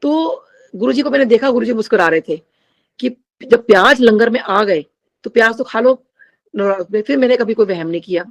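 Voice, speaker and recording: A woman's voice: on the high side, expressive, normal speed. A middle-aged woman sharing a spiritual testimony with a congregation. She addresses them often and mixes English phrases into her Hindi.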